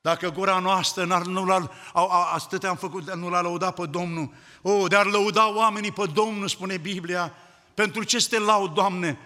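A man preaching a fervent sermon in church, often rising to loud declamation. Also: high voice, steady tone, big-room sound.

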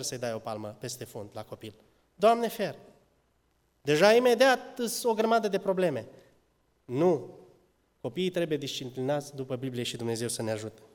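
A man preaching a sermon to a congregation, swinging between loud exclamations and quiet asides. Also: on the high side. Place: church. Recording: church hall with long reverb.

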